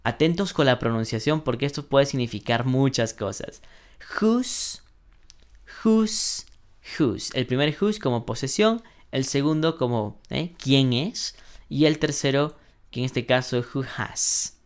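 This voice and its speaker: A male English teacher gives a patient, step-by-step lesson, slowing down to pronounce each example and checking in with the class. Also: medium pitch. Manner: patient, explains step by step with frequent "ujú" and "¿no?"; slows down sharply when pronouncing English examples. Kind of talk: online English lesson taught in Spanish.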